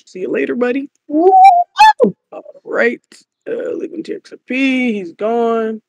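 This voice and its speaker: A man's voice: very high-pitched, wildly swooping pitch, slow, vocal fry, darkish tone, dry recording. A man in casual voice chat, talking brashly and teasing as the new sheriff of a roleplay server.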